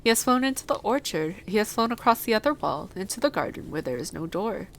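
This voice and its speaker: A woman's voice: low-pitched, lively intonation, fairly quick, darkish tone, slight background noise. A woman voicing a lonely, sour but curious little girl in a storybook reading, with stiff, direct speech. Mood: eager, insistent.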